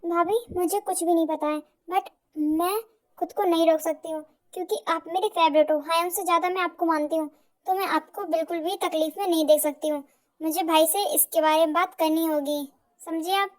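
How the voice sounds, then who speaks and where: A woman voicing a lively, protective younger sister who chatters excitedly and gets indignant, in an amateur fan audio drama. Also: extremely high pitch, fairly quick.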